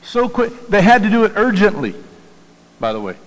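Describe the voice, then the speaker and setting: A man's voice: sits high, big pitch swings, moderate pace. A man with a Southern US accent preaching a sermon in a conversational way, often repeating words and putting questions to his congregation. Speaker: pastor. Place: church sanctuary. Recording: long hall reverb in a church.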